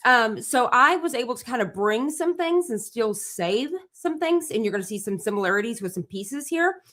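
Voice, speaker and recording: A middle-aged woman chats live with her viewers in a bubbly, gushing way, addressing them directly. She is running on almost no sleep, yet keeps her slightly high voice upbeat. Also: animated, moderate pace, fairly bright tone. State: tired from little sleep. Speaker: livestream host and small business owner. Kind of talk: casual live stream chat.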